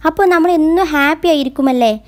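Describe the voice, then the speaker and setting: Brief: bashful, eager young heroine of a romance retelling, read by a woman storyteller, high voice. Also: quick pace, lightly acted. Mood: shy. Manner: shy, eager, a little flustered. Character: shy, sweet young woman in love.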